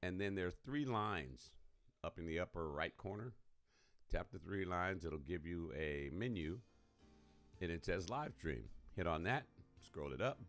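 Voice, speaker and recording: A man's voice: deep voice, animated, a little slow, a bit bright, faint music behind. A man hosting a live radio show, talking casually and colloquially and laughing often. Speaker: radio host.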